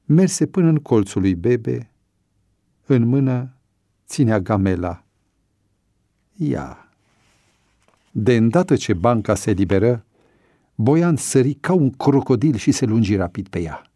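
A man narrating an audiobook story in a measured, even storytelling voice. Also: mid-range voice, dry recording, clean studio sound.

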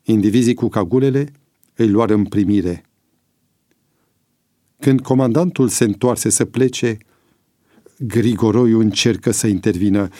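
A man narrating a prison story as an audiobook in a measured, dramatic manner. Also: on the low side, mellow, dry recording, studio quality.

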